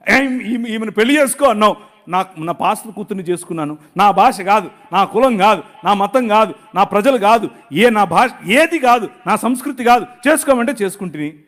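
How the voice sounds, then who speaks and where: A man's voice: sits high, expressive, a little fast, a bit bright. A middle-aged male pastor preaching an emotional, dramatic sermon full of rhetorical questions. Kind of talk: impassioned sermon.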